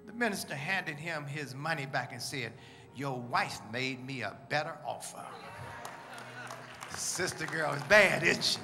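A man's voice: a little high, a little slow, pushed and bright. A man preaching as pastor, leading the congregation in call-and-response and telling jokes between announcements. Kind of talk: church announcements and sermon humor. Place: church sanctuary. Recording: reverberant church hall with music.

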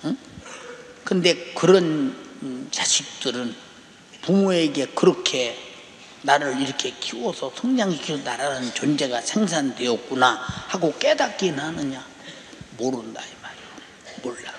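A man's voice: medium pitch, lively intonation, a little slow, a little hiss or hum. An older man preaching a sermon as pastor. He presses his points and keeps prodding the congregation with rhetorical questions. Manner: emphatic, rhetorical "eh?" prompts to the congregation. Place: large church sanctuary. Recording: echoey hall reverb.

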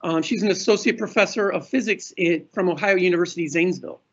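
A man's voice: high-pitched, fast talker, fairly bright tone. A middle-aged man moderating a panel over a video call, formally reading introductions and announcements. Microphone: video call webcam. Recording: muffled video-call audio.

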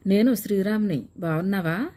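A woman's voice: mid-range voice, normal speed, warm tone, natural voice. A woman reading the lines of a shy young man calling his fiancée, hesitant at first and then coaxing. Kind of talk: audiobook character reading.

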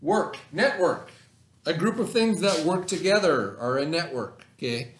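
An unhurried, animated man with a voice on the high side teaches a remote read-aloud vocabulary lesson to children. He is a middle-aged elementary school teacher working indoors in a classroom, explaining simply, repeating important terms, and checking comprehension with short tags.

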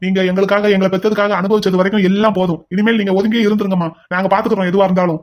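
A man's voice: sits high, level tone, very fast, natural voice. A man voicing a blunt grown son in a cartoon who scolds his younger brother. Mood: scolding. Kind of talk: cartoon voice acting.

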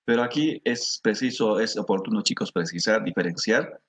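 A middle-aged man with a Peruvian Spanish accent teaching a class, slowly repeating words for students to echo. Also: lowish voice, a bit bright, breathy edge. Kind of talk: classroom lesson.

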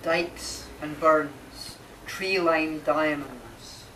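A man in his forties gives a live reading of his own poetry in a marquee before a small seated audience, moving unhurriedly through short, measured phrases. His voice is on the high side, bright and forceful. The recording catches him from a distance in an echoey space with clear background noise.

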